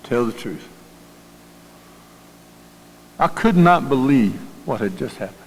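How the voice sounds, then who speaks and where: A man's voice: mid-range voice, animated, moderate pace, husky. A man with a Southern US accent preaching a sermon in a conversational way, often repeating words and putting questions to his congregation. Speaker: pastor. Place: church sanctuary. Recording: long hall reverb in a church.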